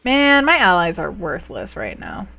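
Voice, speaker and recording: A woman's voice: on the low side, huge pitch swings, unhurried, creaky, bright, forceful tone. A woman streaming a strategy game live. She reads the event text aloud, reacts with playful exclamations and talks to her chat.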